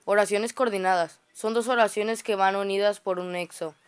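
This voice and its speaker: A woman's voice: medium pitch, steady tone, normal speed, clear, resonant tone. A woman reading grammar study notes aloud, often stumbling and restarting words. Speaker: student reciting study notes.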